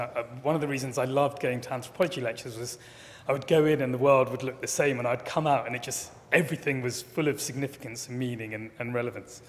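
A middle-aged man, a keynote speaker, answering audience questions thoughtfully at a lectern, often repeating words as he builds a point. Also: medium pitch. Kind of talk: conference Q&A answers. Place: large conference hall, at a lectern. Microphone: lectern microphone. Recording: long reverb of a hall.

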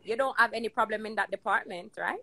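A woman's voice: mid-range voice, fast talker, gravelly, a crowd in the background. A woman in a casual live chat, teasing and insistent. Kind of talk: casual banter on a live stream.

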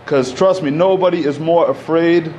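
Speaking at a moderate pace in a fairly high, darkish voice, an Egyptian panelist in his thirties gives a casual public talk into a community center podium mic. He gestures and scatters "you know" and "like" throughout, with a little hiss or hum in the background.

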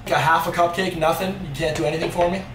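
A man in his twenties talks in a rambling, slangy way on a prank call. His voice sits a little high. It is recorded off-mic in a roomy space with clear noise. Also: fairly even intonation, fast, recorded from a distance. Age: 20s. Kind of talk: casual prank phone call. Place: living room, seated on a couch.

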